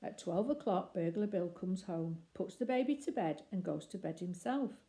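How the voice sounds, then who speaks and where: Reading a picture book to children, a female storyteller uses an expressive, deliberate delivery and pauses to emphasize moments. Her voice is slightly low, mellow and relaxed.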